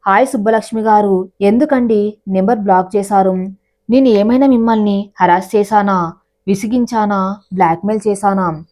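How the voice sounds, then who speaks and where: A woman reads a persistent young man in a spoken storybook, pleading and melodramatic as he begs for attention. The tone stays mellow and soft. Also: medium pitch, moderate pace, close to an everyday voice.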